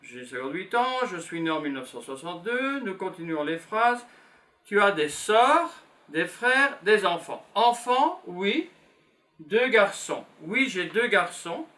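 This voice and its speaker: Teaching French to beginners, a Belgian man in his fifties slowly writes out simple phrases and patiently repeats them. His high voice swings widely in pitch and sounds pushed and bright.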